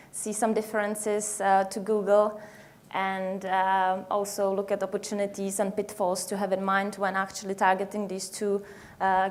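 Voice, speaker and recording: A young woman with a Czech accent speaks to a conference audience. She talks in a halting way, with frequent fillers and restarts. Her voice sits at a middling pitch. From Czech Republic. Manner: hesitant, many fillers and restarts. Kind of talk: conference presentation. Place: conference hall.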